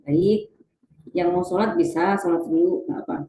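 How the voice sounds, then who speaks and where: A woman's voice: lowish voice, moderate pace, vocal fry, dark tone, reverberant, a little hiss or hum, low-quality recording. A woman presenting an online webinar on teaching reading, talking to the audience and reading out chat replies with many fillers.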